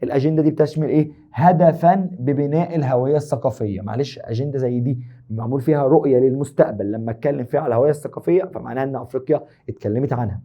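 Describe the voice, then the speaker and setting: A man's voice: medium pitch, rapid-fire, dull audio. A man with an Egyptian Arabic accent teaching an exam review lesson, joking and teasing his students as he explains.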